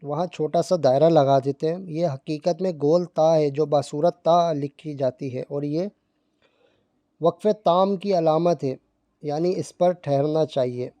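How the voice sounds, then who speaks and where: A man teaching Quran reading in Urdu, explaining patiently and reciting verses slowly. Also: a little high, warm tone, no room sound. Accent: Pakistani Urdu.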